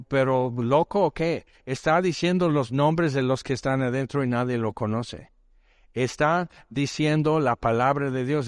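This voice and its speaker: A man's voice: medium pitch, no room sound. Male pastor, casual sermon delivery with rhetorical questions, dry sound. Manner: conversational, rhetorical questions, acts out voices.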